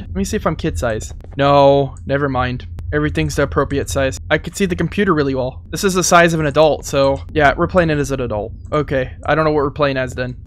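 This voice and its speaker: A man's voice: on the high side, fairly bright tone, slight background noise. A young man giving casual let's-play commentary, thinking aloud in a jittery, exclamatory way. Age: young adult. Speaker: gaming video host. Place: small indoor gaming setup.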